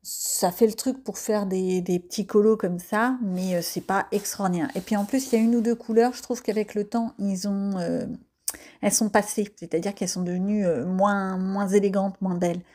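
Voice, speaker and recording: Mellow-voiced woman chatting through her coloring. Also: medium pitch, fairly even intonation, normal speed. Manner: chatty and self-mocking, with many hesitant fillers. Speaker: art vlogger. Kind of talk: casual voice-over of a coloring session.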